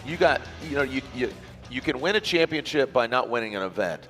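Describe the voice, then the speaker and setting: Male play-by-play announcer, upbeat banter, mid pitch, trackside with faint music behind. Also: lively intonation, a bit bright. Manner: upbeat, quick banter, catchphrases. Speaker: play-by-play commentator. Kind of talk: live motorsport commentary.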